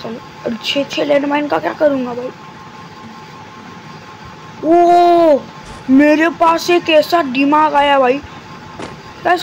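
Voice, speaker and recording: High-voiced man softly narrating gameplay. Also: creaky, rough recording. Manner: talks deliberately quiet and soft; chatty, keeps addressing viewers as guys and brother. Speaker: mobile game streamer. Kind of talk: live gameplay commentary.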